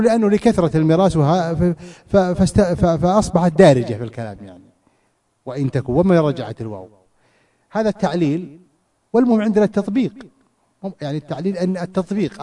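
A man teaches a lesson on scripture and grammar in a fairly high but mellow voice. He asks his students questions, repeats phrases to drive them home and often restarts his words. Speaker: teacher of Quranic exegesis and grammar. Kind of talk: classroom lesson.

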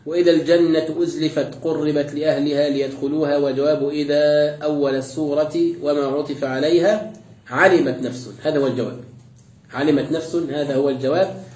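A man's voice: fairly high pitch, steady tone, fairly quick, darkish tone. A man giving a Quran exegesis lesson, reciting each verse and then explaining it word by word. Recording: echoey room, voice distant from mic.

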